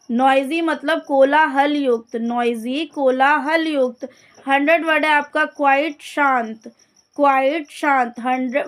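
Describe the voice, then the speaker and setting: A woman English teacher with a high voice reads through word lists in a vocabulary lesson. She slowly repeats every word along with its meaning and speaks directly to her students.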